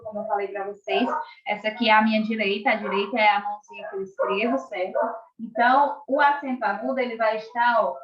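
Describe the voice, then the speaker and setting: A Brazilian woman teaching an online lesson to young schoolchildren, speaking slowly and clearly, stretching out words and often checking in with the class. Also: fairly high pitch, echoey room, muffled recording. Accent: Brazilian Portuguese. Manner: slow, clearly articulated, stretches out words for children; keeps checking in with tag questions.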